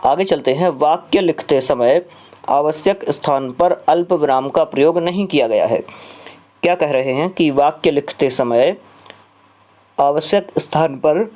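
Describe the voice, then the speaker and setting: Slightly high-pitched male exam tutor. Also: measured pace, darkish tone. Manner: explains step by step, repeating the question; hesitant filler sounds between phrases. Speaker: teacher. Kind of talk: exam prep lesson.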